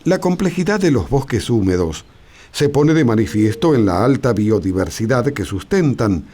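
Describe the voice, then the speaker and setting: A man narrating a scripted nature documentary in a measured, explanatory way. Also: mid-range voice, very animated, warm tone. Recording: music behind the voice. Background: background music.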